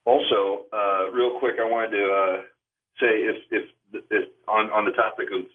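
Low-voiced guy calling in on a bluetooth headset, tinny hollow phone sound, kinda far off the mic, halting and speculative. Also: little pitch movement. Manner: halting and speculative, with many pauses. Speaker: caller. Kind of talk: call-in talk radio. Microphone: Bluetooth headset on a phone call.

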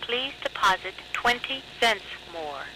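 A woman's voice: on the high side, lively intonation, measured pace. A woman's automated voice asks for coins during a payphone call. Her tone is polite and evenly paced, like a recorded system prompt. The sound comes through a noisy phone line with audible hiss behind it. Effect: recorded announcement heard over a payphone call.

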